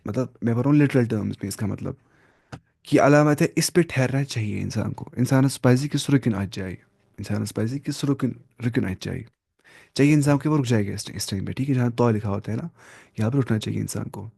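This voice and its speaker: A man teaches Quran reading in a live online class over a video call, patient and repeating each term several ways. His voice has a gravelly edge and a dark, relaxed tone. The sound is close and dry, with no room around it. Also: medium pitch, dry recording. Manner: patient, explains by repeating terms. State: sleepy.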